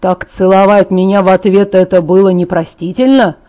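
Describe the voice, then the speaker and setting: A woman reading aloud voices a bedridden young man who is wounded and hurt, speaking slowly and gravely, with bitter outbursts. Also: mid-range voice, steady tone, warm tone. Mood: bitter anger. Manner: slow, grave, bursts of bitter anger. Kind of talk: audiobook character voice.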